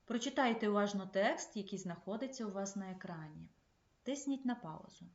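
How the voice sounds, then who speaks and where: A woman primary school teacher giving a remote lesson, speaking in clear, measured instructions to young pupils. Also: medium pitch. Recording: echoey, slightly dull room recording.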